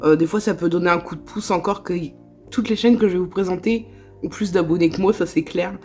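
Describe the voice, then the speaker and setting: A woman's voice: lowish voice, a little fast, dark tone, breathy edge, faint music behind. A woman with a Northern French accent, chatting casually in a vlog, with lots of fillers and small laughs. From northern France. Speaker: vlogger.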